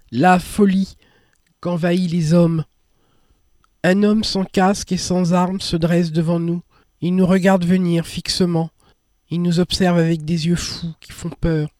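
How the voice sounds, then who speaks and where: A man giving scripted documentary narration in a solemn, measured reading. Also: high voice, flat delivery, a little mellow, dry recording, studio quality.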